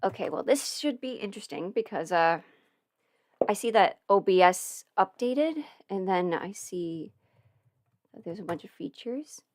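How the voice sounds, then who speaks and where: Streaming live from her empty house, this audio performer has an expressive mid-range voice and a measured pace. She rambles casually and mutters to herself while fiddling with settings, recorded dry on a studio mic through an audio interface.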